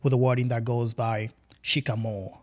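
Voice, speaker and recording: A man's voice: medium pitch, little pitch movement, moderate pace. A young man from Tanzania, a podcast guest, talking earnestly in casual conversation and often repeating words as he searches for what to say.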